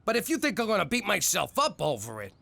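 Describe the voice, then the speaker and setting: An actor playing a brash, loud mobster father in a cartoon, with a gravelly voice. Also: high voice, wildly swooping pitch, quick pace, dry recording, exaggerated voice. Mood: grumbling. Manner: brash, shouting, streetwise. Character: loud blustering mobster dad, middle-aged man.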